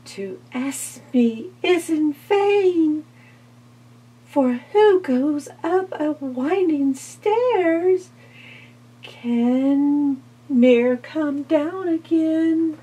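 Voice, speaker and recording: A woman voicing a tiny, timid female fly in a read-aloud storybook, pleading in a high, crying, drawn-out voice. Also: animated, warm tone, heavily acted. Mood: alarmed.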